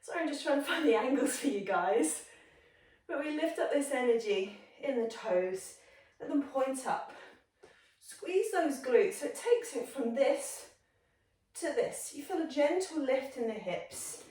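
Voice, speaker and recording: High-pitched lady yoga teacher, chatty and encouraging, kinda far off the mic, big echoey room. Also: animated, a little slow, darkish tone. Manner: encouraging, chatty, demonstrating moves while talking. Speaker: yoga instructor. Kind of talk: guided yoga class instruction.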